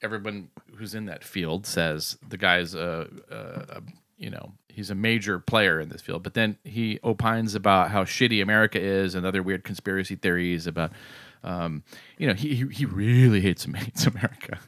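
A man's voice: sits low, moderate pace, fairly bright tone, no room sound, clean studio sound. A man co-hosting a podcast in casual, rambling chat, full of fillers. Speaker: podcast co-host.

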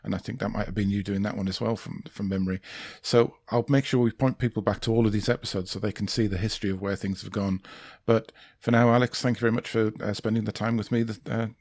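A man's voice: fairly low pitch, steady tone, quick pace, vocal fry, few pauses, darkish tone, no room sound. A man hosting a conversational interview podcast, thinking aloud and rephrasing as he goes. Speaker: podcast host.

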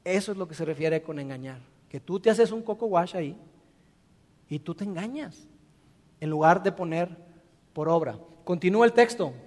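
A man's voice: high voice, lively intonation, normal speed, darkish tone. A man preaching a sermon as pastor, earnest, repeating key words and speaking straight to the listener. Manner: earnest, repetitive emphasis, direct address to listener. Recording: long reverb of a large hall.

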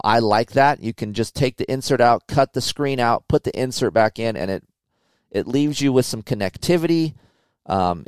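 A middle-aged man hosting a motocross podcast, loose and blunt, swearing as he talks. His voice is mid-pitched and sounds dry and close to the mic, with almost no room around it. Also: a little mellow, no echo. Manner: blunt, profane, conversational. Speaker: podcast host and motocross tester. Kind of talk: casual chat.

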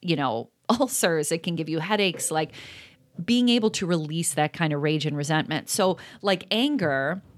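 A woman's voice: low-pitched, lively intonation, normal speed. A woman co-hosting a talk show as a therapist, speaking earnestly and reflectively in a casual, chatty way with many fillers. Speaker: podcast co-host and therapist. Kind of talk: casual conversational advice.

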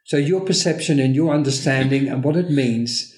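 Mellow-voiced man telling a parable. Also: mid-range voice, echoey room. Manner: tells a parable slowly, acting out the characters' lines. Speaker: podcast co-host. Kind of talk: storytelling in a podcast conversation.

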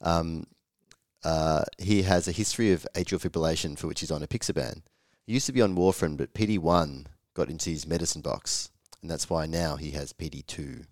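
A man with a croaky, hoarse voice in a casual educational discussion, speaking as a co-host. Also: a bass voice, fairly quick, a little mellow, dry recording, studio quality. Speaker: podcast co-host on medical teaching.

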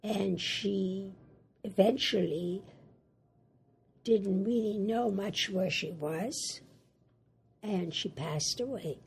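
An older woman who grew up in Germany, speaking English as a second language, recounts her life in an oral history interview in a raspy, hoarse voice, halting and plain. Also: medium pitch, a little hiss or hum. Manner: halting, plain-spoken, repeats words. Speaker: Holocaust survivor interviewee.

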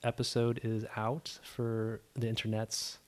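A young man hosting a podcast, talking casually in a soft, hesitant way with many fillers. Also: lowish voice, completely flat delivery, unhurried. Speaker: podcast host.

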